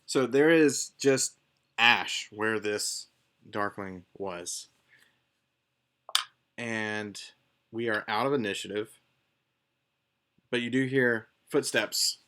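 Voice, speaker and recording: A man runs a tabletop game over a call, narrating in a bright voice. He takes his time and fills gaps with ums as he describes the scene. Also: on the low side. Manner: unhurried, descriptive narration with fillers. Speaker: game master.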